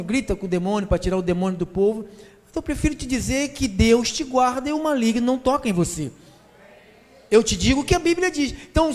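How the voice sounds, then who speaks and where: A man with a Brazilian Portuguese accent, preaching a sermon as pastor in a lively, joking way and calling the listeners brothers. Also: very high-pitched, long reverb tail.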